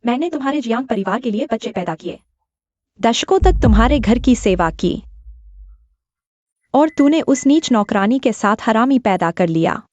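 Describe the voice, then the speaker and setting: A woman's voice: on the high side, expressive, normal speed, a little mellow, no room sound, muffled recording, natural voice. A woman voicing a domineering middle-aged mother-in-law in a drama dub, harsh and scolding. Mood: furious.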